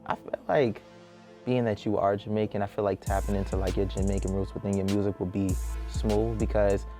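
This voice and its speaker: A man's voice: lowish voice, flat delivery, brisk, mellow. Man, from Panama, interview host, rambling easygoing questions, faint background music. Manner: easygoing, rambling questions with "you know" fillers.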